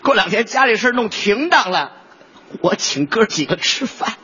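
A grieving middle-aged widower, acted by a male comedian, thanks his friends in a subdued, restrained voice, swallowing his tears. His tone is husky and soft, and the recording is dull and lo-fi. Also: high voice, very animated, normal speed, heavily acted. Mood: restrained grief. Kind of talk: crosstalk stage comedy.

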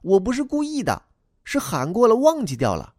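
High eager schoolboy voice, bouncy and lively, dry close sound, as a man puts him on. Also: moderate pace, dry recording, full character voice. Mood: earnest. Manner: eager, earnest, rambling. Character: chatty, talkative young schoolboy.

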